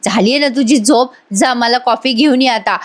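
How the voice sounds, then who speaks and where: A woman's voice: on the high side, normal speed, lightly acted. A woman voicing a bossy, sleepy young husband who grumbles and teases his wife in a retold serial scene. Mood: grumbling.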